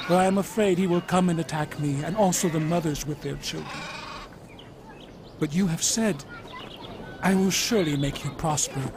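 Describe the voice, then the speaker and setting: A man's voice: on the high side, background noise. An actor playing Jacob as an anxious, humble herdsman patriarch in a Bible audio drama, solemn and earnest, with music behind him.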